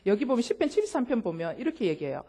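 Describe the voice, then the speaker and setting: A woman pastor preaching a sermon in an animated way, acting out quoted voices and often laughing. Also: fairly high pitch, rapid-fire, slightly rough.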